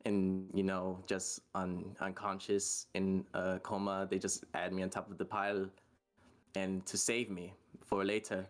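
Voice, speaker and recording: A man's voice: low-pitched, completely flat delivery, a little slow. A man playing a tabletop role-playing game, talking in a loose, rambling way full of fillers and restarts. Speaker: player. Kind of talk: tabletop role-play, casual in-character chat.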